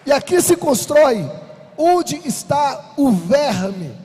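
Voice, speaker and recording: High-voiced Brazilian man giving a fiery speech. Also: sing-song, slow, dark tone. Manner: emphatic, rhetorical questions, sing-song rises. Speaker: conference speaker. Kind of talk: impassioned speech. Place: conference hall. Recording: reverberant conference hall.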